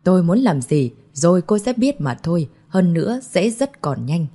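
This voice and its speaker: A cold, determined man in a storybook, speaking in curt threats, read by a woman narrator. The delivery is low and mellow, with a husky edge. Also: sing-song, moderate pace.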